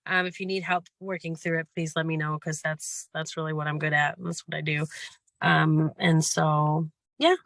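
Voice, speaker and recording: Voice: medium pitch, flat delivery, moderate pace, gravelly, a bit bright, dry recording. A workshop leader and life coach who is losing their voice, talking through a gratitude lesson in a rambling, earnest, encouraging way. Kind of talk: casual spoken workshop lesson.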